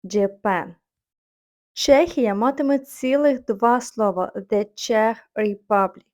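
A woman's voice: fairly high pitch, takes it slowly, a little mellow. A woman from Ukraine teaching English online, reading each word carefully and repeating it for her learners. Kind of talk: online language lesson.

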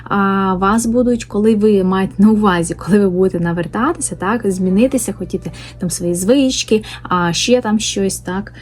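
A woman giving an informal Bible study talk, pausing often with fillers and tag questions and reading verses aloud slowly. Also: medium pitch. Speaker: Bible teacher.

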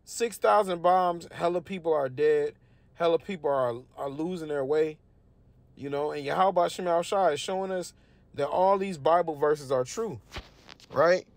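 A man teaching scripture in a casual, emphatic way, reading verses aloud and often checking in with a quick "right?". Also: fairly high pitch. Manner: conversational and emphatic, often tags questions with "right?". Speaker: Bible teacher.

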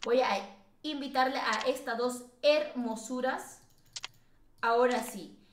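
A woman's voice: a little high, takes it slowly, roomy sound, a little hiss or hum. A woman hosting a casual game live stream, chatty and teasing, laughing often.

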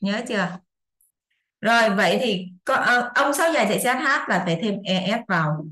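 A woman's voice: mid-range voice, animated, normal speed, sharp tone. Woman teaching in an echoey room. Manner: chatty, repeats examples, keeps checking understanding. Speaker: English teacher. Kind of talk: casual online lesson explanation. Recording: roomy echo.

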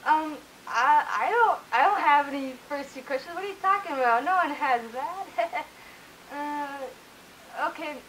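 A woman's voice: high voice, unhurried, a little hiss or hum, low-quality recording. A woman talking inside a costume head, chatting casually and rambling as she answers viewer questions. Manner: relaxed, rambling, with fillers and laughs. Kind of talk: casual Q&A chat.

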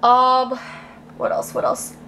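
A young woman chatting casually and excitably in a vlog, recorded on a handheld camera in a bedroom. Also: high-pitched, takes it slowly, a little hiss or hum. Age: young adult. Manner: excitable, gushing, informal. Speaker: vlogger. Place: small bedroom indoors. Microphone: handheld camera at arm's length.

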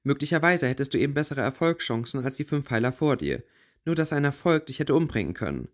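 A man's voice: mid-range voice, lively intonation, fast talker, voice pushed up, lightly acted. A man voicing a worried, caring teenage schoolgirl in a read-aloud fantasy fanfiction audiobook. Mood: gentle concern. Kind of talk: audiobook character voice.

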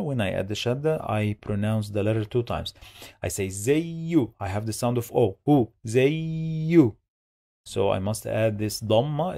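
A man's voice: lowish voice, creaky, darkish tone. A man teaching Arabic reading letter by letter, explaining in English and drilling each syllable with many repetitions. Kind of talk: slow letter-by-letter language lesson.

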